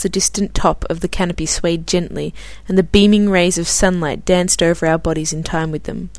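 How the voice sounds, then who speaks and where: An Australian woman hosts her own podcast, chatting casually and self-deprecatingly with filler words before she reads a novel aloud. Her voice is lowish and darkish, and the recording is dry.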